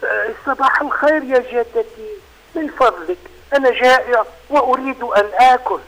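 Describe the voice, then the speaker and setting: A man voicing a small, hungry young male rabbit who pleads and gets excited. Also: very high-pitched, a little fast, voice pushed up, rough recording. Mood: pleading.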